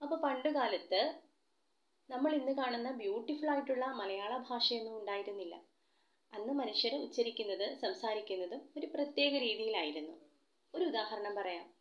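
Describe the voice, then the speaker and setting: A woman's voice: a little high, fairly quick, dull audio. A woman teacher with a Malayali accent giving a children's alphabet lesson, coaxing her young pupils with questions. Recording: echoey room.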